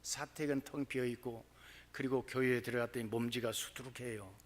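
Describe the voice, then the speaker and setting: A man preaching a sermon, telling his own story in an animated way that turns loud and excited. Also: medium pitch, a little fast. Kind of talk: sermon testimony. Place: church.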